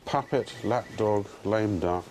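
A man's voice: fairly low pitch, slow, a little mellow, slight background noise. An actor playing a hesitant, bumbling male politician who stammers over his words.

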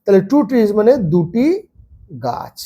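A man teaching a first-grade English lesson, spelling words out slowly letter by letter. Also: high voice, lively intonation, warm tone.

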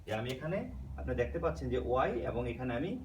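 A man's voice: mid-range voice, rapid-fire. A man teaching an English grammar lesson, explaining patiently and checking in with "okay?" as he mixes English words into his talk. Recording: slightly distant mic with faint background noise.

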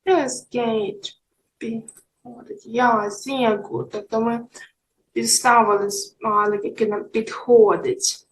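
A woman teacher, giving a slow, clear German lesson for young children and stressing the German phrases. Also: fairly high pitch, steady tone, roomy sound, a little hiss or hum, low-quality recording.

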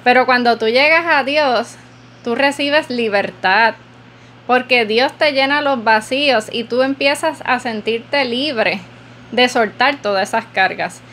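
A woman's voice: a little high, unhurried, sharp tone, a little hiss or hum. A woman podcast host giving an earnest, preacherly devotional talk, repeating phrases for emphasis.

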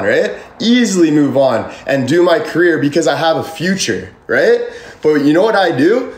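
A man in his twenties venting on a livestream, rambling, defensive and emphatic, swearing freely, filmed on a phone in his bedroom. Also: fairly high pitch. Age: 20s. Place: bedroom with ceiling fan, indoors. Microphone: phone camera at arm's length. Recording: echoey room.

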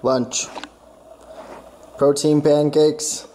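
A man's voice: a little high, flat delivery, drawn-out words, warm tone, slight background noise. A young man in his twenties vlogging casually to a handheld camera, chatty and matter-of-fact, correcting himself as he talks. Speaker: fitness vlogger and coach. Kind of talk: casual vlog narration to camera. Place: car, home and gym. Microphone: handheld camera close to face.

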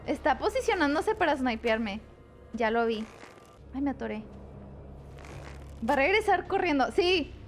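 A woman's voice: high-pitched, very animated, unhurried, pauses often, slight background noise. A woman streaming a video game, chatting playfully and mixing English words into her Spanish. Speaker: gaming streamer. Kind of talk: casual gameplay commentary.

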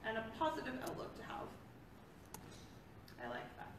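A woman leading a casual sing-along class, chatty and quick to laugh between remarks. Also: a little high, huge pitch swings, vocal fry, recorded from a distance, background noise. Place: association office room. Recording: very roomy echo with loud guitar. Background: guitar.

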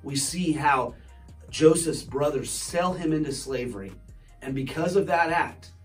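A man's voice: on the high side, a little slow, soft background music. A male pastor teaching a children's lesson, talking directly to kids and asking them questions. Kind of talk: children's sermon.

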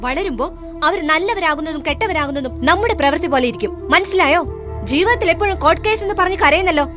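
A woman's voice: very high voice, lively intonation, fast talker. A woman dubbing a film role: a spirited young mother who scolds boldly and defends her son in passionate speeches. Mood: defiant. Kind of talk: film dub. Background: film score music.

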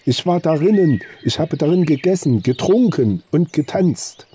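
A shaken young wanderer , voiced by a man in an audiobook presses tense questions with a lifted voice. Beneath it lies a dark, mellow timbre. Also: fairly low pitch, sing-song, a little slow, a little hiss or hum, voice pushed up. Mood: agitated. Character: young male traveler, bewildered and shaken. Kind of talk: audiobook character reading.

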